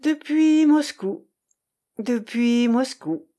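A woman reading aloud voices a proud, elegant aristocratic lady, speaking in slow, emphatic lines. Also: fairly high pitch, lively intonation, mellow, heavily acted. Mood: wistful.

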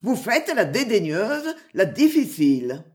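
A woman's voice: mid-range voice, sing-song, a little slow. A woman reading aloud voices a fierce, mocking male outlaw who boasts and threatens.

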